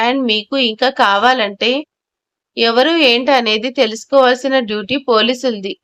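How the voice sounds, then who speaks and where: A woman's voice: fairly high pitch, fairly bright tone. A woman voicing a confident female civil servant who defends herself in court, talking firmly and lecturing, with English phrases mixed in.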